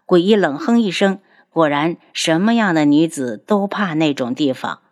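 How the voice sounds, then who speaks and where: A woman's voice: low voice, expressive, moderate pace, a little mellow. A woman narrating a novel audiobook expressively, acting out the characters.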